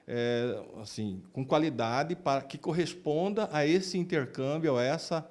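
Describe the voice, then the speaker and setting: Here a doctor, an oncologist and researcher, is interviewed and explains what he does. He has a Brazilian Portuguese accent and a mid-range, somewhat mellow voice, often repeating words as he gropes for the right expression.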